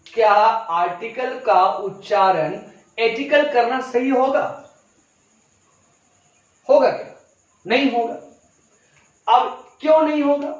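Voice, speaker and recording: A man's voice: very high voice, slow, long pauses. A male English teacher giving a classroom grammar lesson, asking rhetorical questions and answering them himself, and calling his listeners children. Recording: echoey room, distant dull mic.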